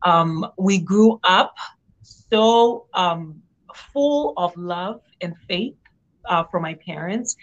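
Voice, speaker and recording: A woman's voice: fairly low pitch, muffled recording. A young woman from Zimbabwe, a guest in an interview, telling her story in an earnest, reflective way. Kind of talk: interview conversation.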